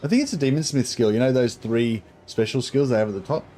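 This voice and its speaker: A man's voice: mid-range voice, quick pace, warm tone, slight background noise. A man with a broad New Zealand accent giving casual gameplay commentary in a laid-back, sweary, rambling way. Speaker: gaming streamer.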